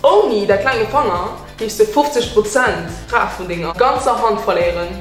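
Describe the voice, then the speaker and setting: A woman's voice: mid-range voice, lively intonation, moderate pace. A young adult woman with a Luxembourgish accent, co-hosting a video with casual talk about facts and tricks. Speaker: video co-host. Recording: echoey room with music behind. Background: music.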